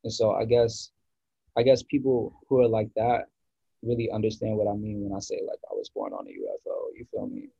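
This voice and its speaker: A man's voice: lowish voice, lively intonation, a little fast, creaky, slightly rough, dry recording, lo-fi sound. A man from the US East Coast, a guest musician in a casual podcast chat, rambling and searching for words with many restarts.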